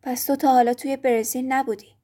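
A woman voicing a gentle, curious young boy who speaks softly and kindly. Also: high-pitched, little pitch movement. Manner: soft, hushed and kind.

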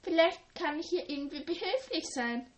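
A woman's voice: very high-pitched, animated, normal speed, voice pushed up. A woman reading the part of a sweet, eager schoolgirl who gushes over people. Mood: gushing. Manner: gushing, eager. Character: sweet gushing schoolgirl, easily smitten.

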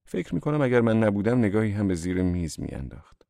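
A man narrating a novel as an audiobook in a steady, measured reading. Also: on the low side, gravelly, dry recording, studio quality.

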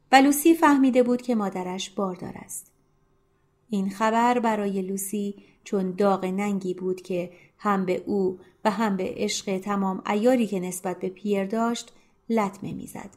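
Soft-spoken woman narrating a novel. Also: medium pitch. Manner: soft, hushed, dropping to near whispers. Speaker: audiobook narrator. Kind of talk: scripted literary narration.

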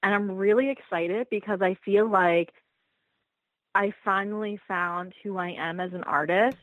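Female musician guest, bubbly and excited, chatty with fillers, dry close sound. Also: mid-range voice, a little slow, dry recording, poor audio. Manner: enthusiastic, gushing, many fillers. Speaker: singer, interview guest. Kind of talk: casual interview chat.

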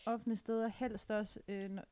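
A young woman co-hosting a casual podcast chat, talkative and quick to laugh. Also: a little high, little pitch movement, dark tone. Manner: chatty, laughs often. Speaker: podcast co-host.

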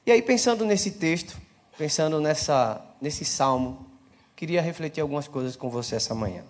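A man's voice: on the high side, animated, normal speed. A male pastor giving a live church sermon, talking conversationally, asking the congregation questions and building to emphatic preaching. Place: church service.

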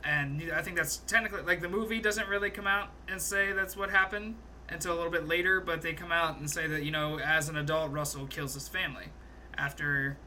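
A young man with a very bright, forward voice, pitched a little high, chatting eagerly about a film he loved. He tells scenes in a loose, animated way, with plenty of laughs and the odd curse. A faint hiss of noise sits under the recording. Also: a little fast. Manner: animated, swearing, laughs a lot, recounts scenes. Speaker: podcast co-host. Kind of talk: casual movie review chat.

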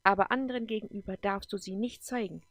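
A woman's voice: medium pitch, fairly even intonation, fast talker, no room sound, close to an everyday voice. A woman voicing a stern male alien advisor in an audiobook, firmly lecturing. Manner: firm, lecturing.

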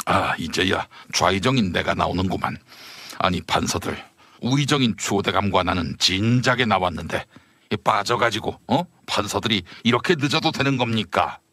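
A gruff, vain old chief minister grumbles in a very deep, dragging voice, as a man puts him on for a satirical period-drama parody. His delivery is slow and weighty, every phrase sinking lower as he complains. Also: pushed and bright, no echo, heavily acted. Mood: grumbling. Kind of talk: satirical Joseon-era costume parody.

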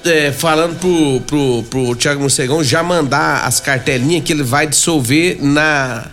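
A man's voice: on the high side, moderate pace, a bit bright, faint music behind. A Brazilian man co-hosting a radio show in casual banter. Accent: Brazilian Portuguese. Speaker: radio co-host.

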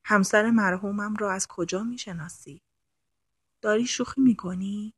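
A woman reading as a gentle old scholar. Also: medium pitch, breathy edge, no echo, studio quality. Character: revered older male scholar and teacher, gentle. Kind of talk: audiobook narration.

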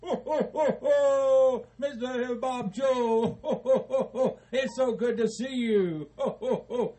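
Santa Claus played by a man, high and chuckling. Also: dark tone. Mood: jolly. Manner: slow, soothing, chuckling ho ho ho. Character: jolly patient Santa Claus, old man.

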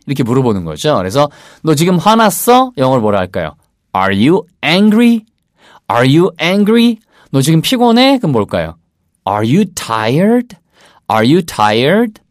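A male English teacher with a Korean accent, his voice swinging up and down as he coaches listeners. He repeats short English phrases slowly, with a sing-song rhythm. The close recording is dry, with no room sound. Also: medium pitch, no echo. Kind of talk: casual English lesson.

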